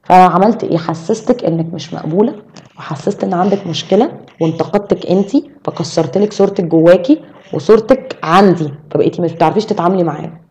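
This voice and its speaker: Fast-talking Egyptian woman, low dark voice. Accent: Egyptian Arabic. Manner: animated, explaining with quick examples. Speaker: podcast guest. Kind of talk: casual chat.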